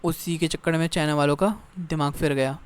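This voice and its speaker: A young man teaching an exam-prep lesson, reading English text slowly and then explaining it casually with frequent check-ins. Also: a little high, fairly even intonation, clear, resonant tone. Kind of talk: exam-prep lecture in Hindi mixed with English.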